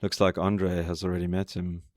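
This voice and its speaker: A man playing a worried older guard, probing questions, deep voice, little pitch movement. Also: flat delivery, a little fast, a little mellow, dry recording, studio quality, lightly acted.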